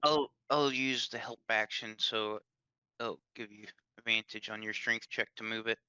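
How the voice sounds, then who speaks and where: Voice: medium pitch, steady tone, moderate pace, bright, forceful tone, smooth, dry recording. A player in a tabletop game with a playful, giggly way of talking, sometimes singing little sound effects. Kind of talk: casual tabletop play.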